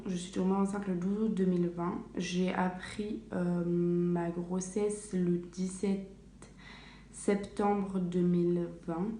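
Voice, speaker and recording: A young woman vlogger tells a story casually from a small bathroom at home, using plenty of fillers and correcting herself as she goes. Her voice is mid-range and mellow, and the bathroom echoes faintly with room ambience.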